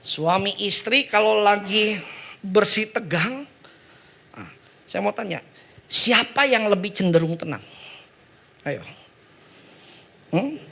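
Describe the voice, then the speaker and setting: A man preaching a sermon in a lively, joking way, calling on the congregation to repeat words after him. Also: high voice, slow, vocal fry, pauses often. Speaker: pastor.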